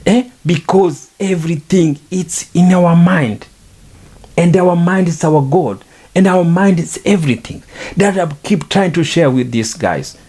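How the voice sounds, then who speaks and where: A man's voice: fairly high pitch, unhurried, a little mellow. A middle-aged man, speaking on a podcast in an earnest, repetitive, preaching manner about faith and culture. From Rwanda. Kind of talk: reflective monologue on faith and culture.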